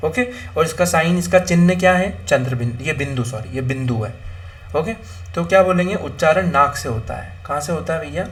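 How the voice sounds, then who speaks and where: Young guy teaching grammar for exams, kinda high voice, keeps quizzing himself and answering, drops in english words. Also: brisk, a bit bright. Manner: repetitive, asks and answers his own questions; mixes English words into Hindi. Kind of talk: exam-prep lesson on Hindi grammar.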